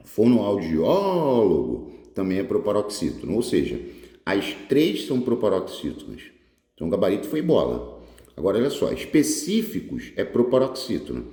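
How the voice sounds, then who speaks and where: In an echoey room with long reverb, a Brazilian man with a lowish, warm voice works through test answers as an exam prep teacher. He's informal, drawing words out and checking in with short questions.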